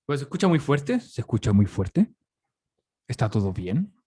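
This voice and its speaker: A man's voice: mid-range voice, big pitch swings, normal speed, mellow. A man from Chile, teaching an online English class in Spanish, often checking in with students. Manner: chatty, asks students questions often. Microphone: computer microphone on a video call.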